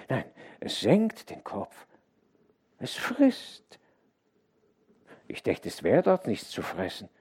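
Man reading young farmhand, gruff, bantering, bold but uneasy, dark voice, husky, audiobook. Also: medium pitch, pitched above the performer's own voice, heavily acted.

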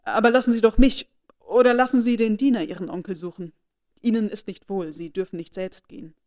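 Woman playing reserved proud gentleman, restrained, earnest, storybook reading. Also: mid-range voice, fairly even intonation, a little fast, close to an everyday voice. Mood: concerned.

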